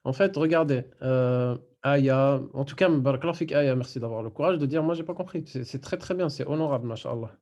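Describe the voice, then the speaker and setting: A man is teaching an online Quran recitation class, explaining patiently step by step and slowly repeating words. His voice is medium-pitched and a little mellow, and the audio sounds dull.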